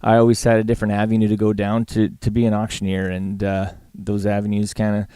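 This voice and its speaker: Speaking quickly in a lowish, monotone yet warm voice, a middle-aged man from Alberta gives a casual, folksy interview with a Western Canadian accent. The guest, a livestock auctioneer and former calf roper, sounds clear and resonant in clean studio audio with no echo.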